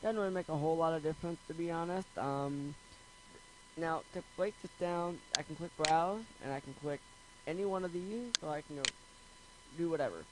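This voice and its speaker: A man's voice: a little high, fairly quick, background noise. A man hosting a casual, rambling computer screencast tutorial, with jokey, self-deprecating asides. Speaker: screencast host.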